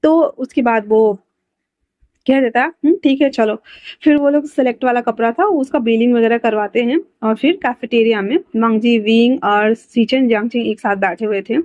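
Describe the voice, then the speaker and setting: A woman's voice: on the high side, moderate pace, a little mellow, no room sound, lo-fi sound. Chatty woman telling a fan story. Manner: chatty, with fillers and self-corrections. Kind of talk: casual story narration.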